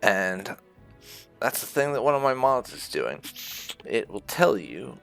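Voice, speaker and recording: A woman hosts a gaming video, chatting casually while she plays and often musing to herself, with game music behind her. Her voice is extremely low and very animated, a little slow, with vocal fry.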